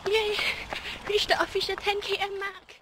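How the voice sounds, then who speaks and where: A young adult woman records a casual running vlog on her phone held at arm's length while running a night race outdoors. Her voice is very high-pitched and her pace measured, yet she speaks in short, excitable, out-of-breath phrases. The moving phone recording is noisy, with clear outdoor ambient sound.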